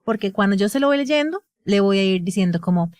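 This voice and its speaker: A woman's voice: mid-range voice, lively intonation, brisk, a little mellow, clean tone, no room sound. Costa Rican woman, speech therapist, explains patiently, frequent question tags, dry close sound. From Costa Rica. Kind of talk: casual podcast conversation.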